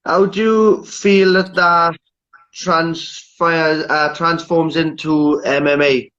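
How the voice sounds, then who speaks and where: Male interviewer, friendly and encouraging, slightly high voice, dull lo-fi audio. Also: flat delivery, slow, sharp tone. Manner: friendly, encouraging, short affirmations. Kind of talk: casual interview questions.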